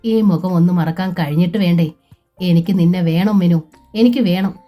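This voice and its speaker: A woman's voice: fairly low pitch, normal speed, dark tone, soft background music, natural voice. A woman voicing an earnest young man in love, speaking with pleading sincerity.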